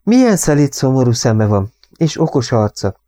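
A man reading an audiobook in a calm, measured way. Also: medium pitch, no echo, clean studio sound. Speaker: audiobook narrator. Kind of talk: audiobook narration.

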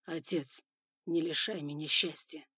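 A woman voicing a young male spider prince in an audiobook, pleading loudly in some passages and whispering gently in others. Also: sits low, steady tone, measured pace, husky, no room sound, clean studio sound, heavily acted. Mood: desperate. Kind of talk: audiobook character voice.

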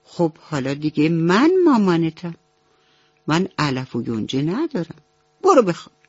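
A woman's voice: low voice, big pitch swings, a little mellow, breathy edge, dry recording, exaggerated voice. A woman voicing a grumpy, bossy mouse who is a foster mother, talking in a curt, scolding way. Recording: slightly dull radio recording.

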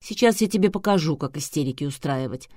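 A woman playing a booming bossy chief editor. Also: lively intonation, quick pace, darkish tone, no echo, studio quality. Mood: commanding. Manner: commanding, barking.

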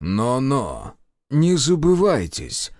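A middle-aged secret-service colonel whose polite, unhurried speech carries a cold steel underneath, as a male narrator plays him. Mid-pitched and lively in intonation, recorded close and dry. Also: no echo, lightly acted. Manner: falsely courteous, with an icy edge.

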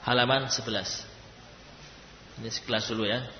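A man teaching a class to read Arabic letters, who sounds them out loud and explains them patiently. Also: mid-range voice, fairly even intonation, a little hiss or hum. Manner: patient, demonstrates letters loudly and slowly. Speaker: Quran reading teacher. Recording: echoey hall, dull lo-fi sound.

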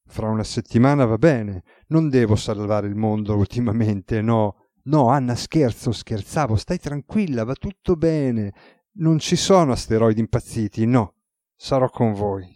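A man voicing a weary, ironic male god with a relaxed, teasing manner, as read in an audiobook. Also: on the low side, no room sound, clean studio sound. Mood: amused.

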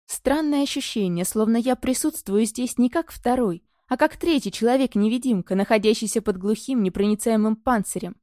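A woman narrating a novel in the first person, in a calm, measured, detached way. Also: a little high, no room sound, clean studio sound. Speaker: audiobook narrator.

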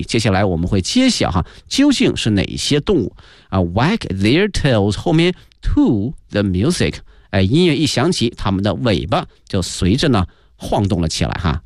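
A man's voice: mid-range voice, dry recording, clean studio sound. A man teaching an English lesson on the radio, ending many phrases with a chatty "ha" and spelling words out letter by letter.

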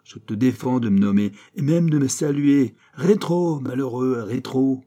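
A man voicing a furious old priest schoolmaster in an audiobook, shouting heavy-accented scolds. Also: mid-range voice, a little slow, close to an everyday voice. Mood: indignant.

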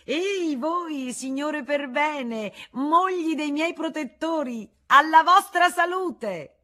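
A woman's voice: fairly high pitch, moderate pace, pitched above the performer's own voice, natural voice. A woman putting on a brazen young courtesan. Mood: mocking. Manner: loud, mocking, coquettish.

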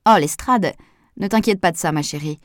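Brisk fond older father read by a woman narrator, offhand, lowish voice, dry. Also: no room sound, natural voice.

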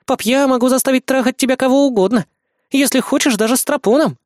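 A man's voice: very high voice, fast talker, no room sound, clean studio sound, pitched above the performer's own voice. A man voicing a spoiled, capricious young female devil-elf in an audiobook, with a whiny, squealing, bossy manner. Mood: scornful.

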